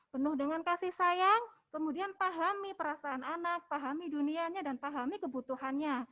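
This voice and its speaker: A woman giving a webinar talk for parents as a hospital health educator, gentle and coaxing, often ending phrases with a soft "ya", with an Indonesian accent. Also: very high voice.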